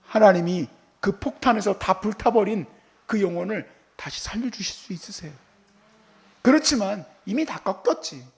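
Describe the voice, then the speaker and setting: A man's voice: high voice, lively intonation, normal speed, creaky. A man preaching a sermon as pastor, telling stories and acting out how he scolds and comforts his child.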